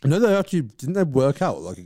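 A man's voice: fairly high pitch, sing-song, a little fast, dark tone. A man in a casual podcast chat, eagerly explaining facts and laughing often.

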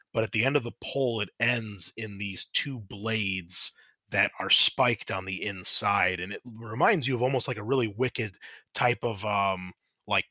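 A low-voiced man describes the scene as game master, rambling descriptively with fillers. His tone is bright, and the dry recording sounds a little dull. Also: dry recording. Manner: descriptive, with frequent fillers and restarts. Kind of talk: narrating a tabletop game.

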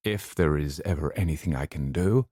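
A man voicing a gentle, apologetic middle-aged doctor who speaks in a measured way. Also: rumbling low, husky, no room sound, studio quality.

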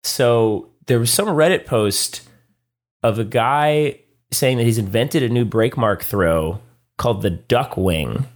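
A man's voice: medium pitch, slow pace. A man co-hosting a casual podcast, reading listener emails in a laid-back way with lots of ums and uhs. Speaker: podcast co-host. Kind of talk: casual chat.

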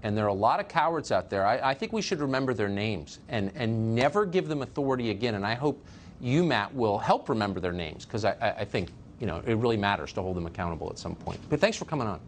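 A man's voice: on the low side, lively intonation, fast, slight background noise. A man hosting a political commentary show, speaking emphatically and building to indignant questions. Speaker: host.

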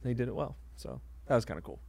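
Pastor type, mid-pitched, telling stories haltingly in a dry room. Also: male voice, very animated, creaky, dark tone, slightly rough, no echo. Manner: hesitant, many fillers and restarts, self-deprecating. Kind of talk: casual conversational storytelling.

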